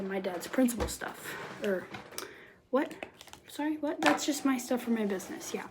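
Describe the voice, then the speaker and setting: A woman presents a goofy homemade history explainer, playful and jokey, tossing in slang asides and lurching between loud bursts and near-whispers. Her voice is mid-range, the audio poor, with slight background noise.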